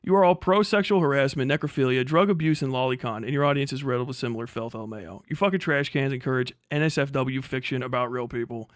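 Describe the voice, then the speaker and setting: A livestream host with a medium-pitched voice rants fast and vehemently, barely pausing, as he reacts to messages and reads them aloud. He is agitated and swears heavily. The recording is dry with clean studio sound.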